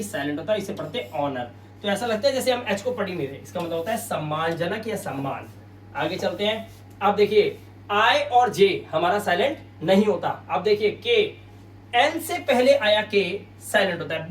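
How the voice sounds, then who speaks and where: A man's voice: sits high, a bit bright, distant mic. A man teaching an English lesson in Hindi at a board, patiently repeating each word and quizzing his listeners. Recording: roomy sound, mic set back, faint hum.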